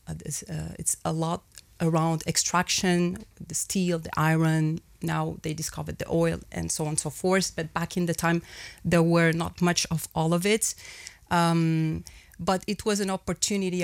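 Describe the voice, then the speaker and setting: Gravelly-voiced woman from Mauritania. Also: fairly low pitch, level tone, moderate pace, no room sound. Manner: hesitant, searching for words with many fillers. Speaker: panel guest. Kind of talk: conversational recollection.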